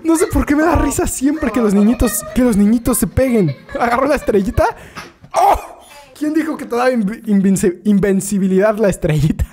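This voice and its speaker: Mexican man, casual reaction commentary, very lively pitch, quick exclamations, frequent laughs, desk mic. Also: faint music behind. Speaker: YouTuber reacting to clips. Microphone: desk microphone.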